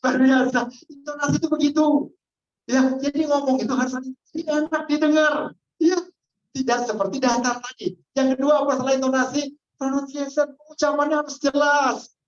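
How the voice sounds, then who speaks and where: A woman's voice: high-pitched, steady tone, normal speed. A woman trainer giving a customer-service training lecture and quizzing the audience as she goes. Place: training hall. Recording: echoey, dull lo-fi room sound.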